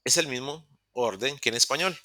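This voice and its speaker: A man teaching a virtual English lesson, his voice bright and sharp-edged in a dry, close recording. He walks through each point patiently, pausing to ask "ok?" and restarting words when he slips. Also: mid-range voice, no room sound. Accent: Latin American Spanish. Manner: patient, explaining step by step with frequent "ok?" checks; self-correcting, restarts mid-word. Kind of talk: online beginner English class. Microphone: computer mic in a virtual session.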